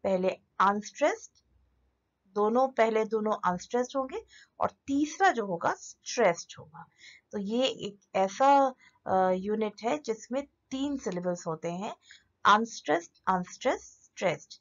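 A woman teaching literary terms in an online lesson, explaining slowly and spelling out examples word by word, speaking. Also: mid-range voice, expressive. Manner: mixes Hindi explanation with English terms. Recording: dull lo-fi audio.

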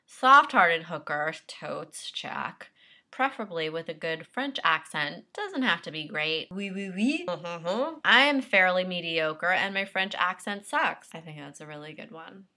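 A woman in her twenties doing a comedic sketch as an actress, dry and sarcastic, with deadpan asides. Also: on the low side, a little slow. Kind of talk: comedic self-tape sketch.

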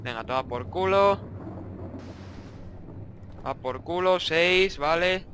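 Taking it slowly, this young Spanish man's voice is fairly high, pushed and bright with a clean tone. A gaming YouTuber with a Spanish accent, he narrates a horror game he's playing, cursing a lot and swinging from jokes to startled outbursts.

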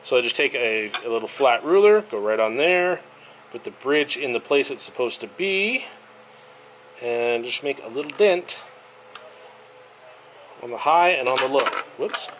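A man who repairs violins, explaining each step of a workshop tutorial in a relaxed, step-by-step way while working at his bench. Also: medium pitch, unhurried, pauses often, a little hiss or hum. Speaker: violin maker.

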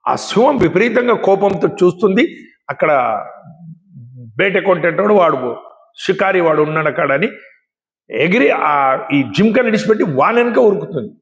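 A man's voice: sits high, expressive, moderate pace, long pauses. A man giving a dramatic, exhortative moral-story speech to young people, with lots of repetition. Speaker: motivational speaker. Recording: echoey hall with long reverb.

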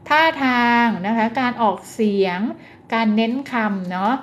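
A woman teaching parents how to encourage a child's speech, gentle and coaxing, who slows down and stresses words when she demonstrates. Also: on the high side, a little hiss or hum. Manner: gentle, coaxing, often ends phrases with polite particles. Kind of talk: parenting advice lesson.

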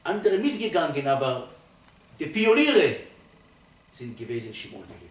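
Old rabbi preaching with emphatic swells. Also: male voice, on the high side, sing-song, moderate pace. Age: 80s. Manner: emphatic, swells from quiet to loud for stress. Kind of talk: Torah sermon. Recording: roomy, distant mic, faint ambience.

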